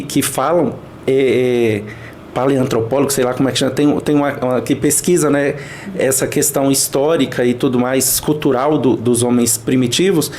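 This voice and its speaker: A man's voice: medium pitch, darkish tone, a little hiss or hum. A man reflecting in a podcast conversation, hesitant and searching for words.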